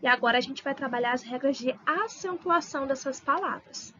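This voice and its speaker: A Brazilian woman teacher giving a recorded online lesson, slowly drawing out syllables and repeating example words. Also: high voice, bright, forceful tone, dull audio, slight background noise. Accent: Brazilian Portuguese.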